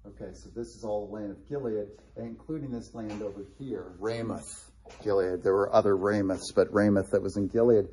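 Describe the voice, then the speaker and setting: A man's voice: fairly low pitch, steady tone, normal speed, warm tone, breathy edge. A man teaching a casual Bible study, talking conversationally with many fillers and restarts while pointing out places on a map.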